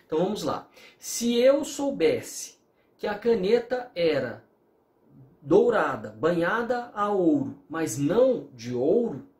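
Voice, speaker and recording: A man's voice: fairly high pitch, a little mellow, roomy sound. A man teaching a recorded law lecture, explaining through worked examples and acting out bits of quoted dialogue. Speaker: law professor.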